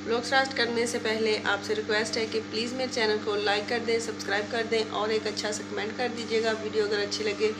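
A woman in her thirties with a sore throat records a chatty home vlog on a phone at arm's length, addressing viewers directly as a family vlogger. Her voice is medium in pitch, with background noise, and she films in her bedroom and up on a rooftop among hens.

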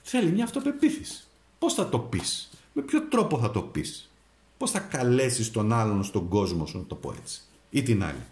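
A man's voice: mid-range voice, sing-song, darkish tone. A man giving a tarot reading to camera, addressing the viewer directly with advice. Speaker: tarot reader and astrologer. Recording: echoey room.

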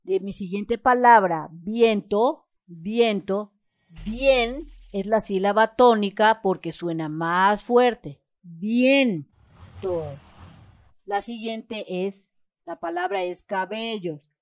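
A woman's voice: medium pitch, lively intonation, takes it slowly, dry recording. A woman with a Mexican Spanish accent explains a schoolbook exercise step by step, patiently stressing syllables as she reads example words. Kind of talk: step-by-step homework lesson.

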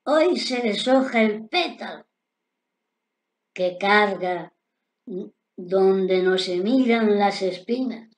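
An older man reciting his own poem in a solemn, dramatic declamation, with deliberate pauses, recorded in a room at home. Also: high voice. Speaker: poet reciting own work.

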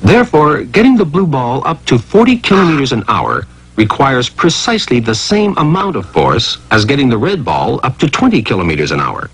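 In scripted narration for an educational cartoon, a man uses theatrical emphasis, asking rhetorical questions as he explains. His husky, fairly bright voice swoops wildly in pitch from phrase to phrase, and he talks fairly quickly with few pauses. The recording is rough.

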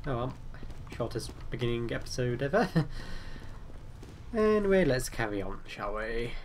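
A gaming channel host with a cold gives casual gameplay commentary in a stuffed, nasal voice, chatty and joking at himself as he reacts aloud to the game. His medium-pitched voice is very animated at normal speed, with game sounds and keyboard noise behind him.

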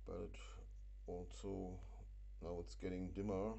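Slow, hesitant man with dark voice. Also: low voice, little pitch movement, creaky. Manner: hesitant, many fillers. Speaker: video host. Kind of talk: casual product demo. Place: indoors at a home stove.

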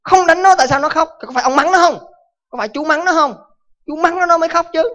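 A man's voice: sits high, fairly quick, smooth. A monk voicing an angry, hot-tempered father who threatens a young monk. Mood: indignant. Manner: shouting accusations, threatening. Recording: dull lo-fi recording.

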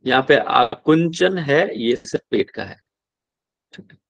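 A male yoga teacher, at a middle pitch. He chants old verses slowly and explains them in brisk, plain classroom talk. The sound is dry and close. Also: expressive, creaky, fairly bright tone, dry recording. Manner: chants verses slowly, then explains quickly with "ठीक है?" checks.

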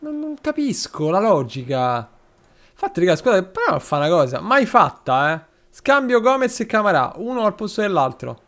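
In a high, sing-song voice with a fairly bright tone and moderate pace, this man provides live commentary on a football manager game. Between talking to his players, he chats with his audience and thanks subscribers with shout-outs.

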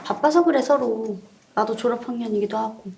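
An actress playing a frustrated young woman, a college senior, arguing with her younger boyfriend in a web drama; she speaks in a sharp, accusing way. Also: on the high side, brisk, vocal fry, noisy background. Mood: weary. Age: young adult.

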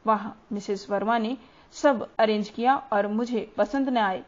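Brief: woman playing a genial storybook doctor, warm-mannered and coaxing, dull lo-fi sound. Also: medium pitch, a little slow, natural voice. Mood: jovial. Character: cheerful middle-aged male doctor, new stepfather. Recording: dull lo-fi recording.

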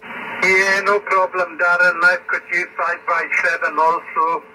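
A man's voice: high voice, flat delivery, unhurried. A man from Scotland working as an amateur radio operator, trading call signs and details over a crackly two-way radio. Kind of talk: radio contact exchange with call signs and phonetic spelling. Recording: distant, noisy, crackly shortwave radio reception. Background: radio static.

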